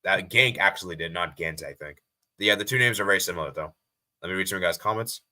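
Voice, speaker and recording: Low-voiced American man chatting on a live stream. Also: quick pace, sharp tone. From USA. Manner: rambling, repeats himself, reads chat comments aloud. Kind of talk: casual live-stream commentary.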